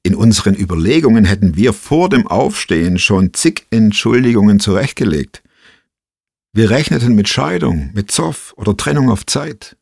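A man's voice: lowish voice, very animated, normal speed, vocal fry, darkish tone, husky, dry recording, studio quality. A man giving a scripted devotional reflection, thoughtful and full of rhetorical questions. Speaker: preacher giving a devotional talk.

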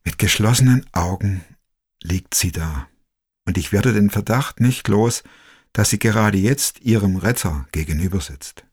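A man narrating a personal story in the first person, slow, quiet and reflective. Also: lowish voice, expressive, slightly rough.

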